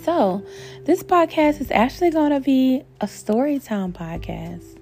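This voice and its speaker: A woman hosts a podcast casually and encouragingly, often speaking about faith and gratitude and calling her listeners "my babies" in a warm, spiritual way. Her voice is high-pitched and sing-song with vocal fry, a little slow, and faint guitar music plays behind her.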